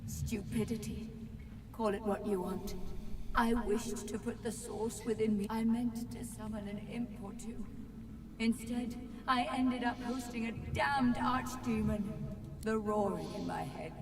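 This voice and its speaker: A woman's voice: a little high, steady tone, distant mic, slight background noise. Unearthly, echoing female tree spirit, tormented. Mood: anguished, haunted. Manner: slow, solemn, dramatic. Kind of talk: video game voice acting. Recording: reverberant hall effect over music.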